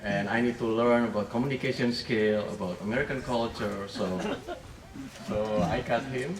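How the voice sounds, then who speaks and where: A man from Indonesia with an Indonesian accent, giving a halting wedding toast full of fillers. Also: medium pitch, fairly even intonation. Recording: echoey room, mic at a distance, background noise.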